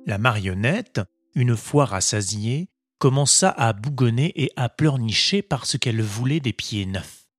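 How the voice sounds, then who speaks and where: A man reading a children's storybook aloud as narrator, slow and expressive. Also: mid-range voice, no echo, soft background music. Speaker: audiobook narrator.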